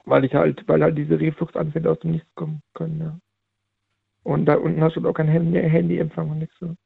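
Male caller on a phone line, fairly high, husky and heavily gravelly, halting. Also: little pitch movement, no echo. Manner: halting, repeats himself. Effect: over the phone. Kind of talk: call-in chat.

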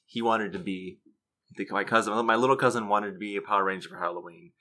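A man's voice: fairly low pitch, fairly even intonation, fast, sharp tone. A man in his twenties, a podcast guest, telling easygoing rambling stories in casual chat. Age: 20s.

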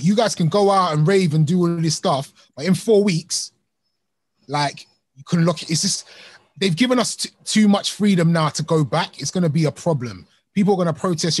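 A man's voice: fairly high pitch, breathy edge. A man talking informally and emphatically in a casual discussion, often repeating his points.

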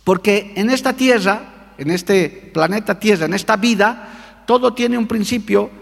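A man's voice: sits high, measured pace, creaky, long reverb tail. A male pastor preaching a fervent sermon, calling out to his congregation for amens. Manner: fervent preaching with call-and-response.

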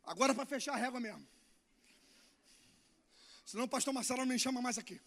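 A man with a Brazilian accent preaching a sermon in a church as guest preacher, swinging from soft to shouting and calling for responses from the congregation. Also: very high-pitched, fast, vocal fry.

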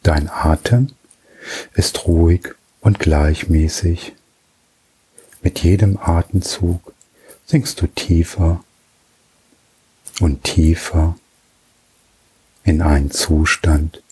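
A man guiding a relaxation journey in a soft, soothing way, with long pauses between phrases. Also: a bass voice, steady tone, slightly rough, poor audio. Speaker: meditation guide.

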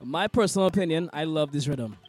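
A male DJ hosts this interview over a video call with a notably high voice. He gushes, leans on emphasis and repeats himself as he praises his guests. Soft music plays faintly underneath. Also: expressive, fairly quick. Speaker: DJ and interview host. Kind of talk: casual interview chat.

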